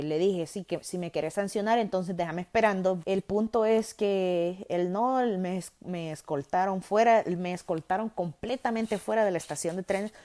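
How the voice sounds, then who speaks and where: Salvadoran woman host, lively storyteller, warm low-key timbre. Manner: animated, lively retelling with self-corrections. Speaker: podcast host. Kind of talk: personal storytelling.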